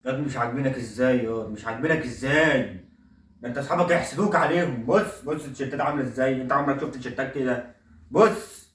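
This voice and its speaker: A man's voice: mid-range voice, fairly bright tone, close to an everyday voice. A man with an Egyptian accent playing a stingy, boastful middle-aged father in a comedy sketch, coaxing and insisting on a bargain. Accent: Egyptian Arabic. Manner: boastful, coaxing, keeps saying look. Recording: roomy echo, voice far from the mic.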